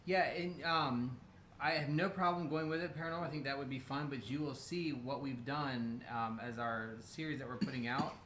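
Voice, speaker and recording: A man's voice: mid-range voice, moderate pace, fairly bright tone. American man chatting in an echoey room. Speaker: co-host. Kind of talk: casual livestream chat. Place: indoor room. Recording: roomy echo, faint background noise.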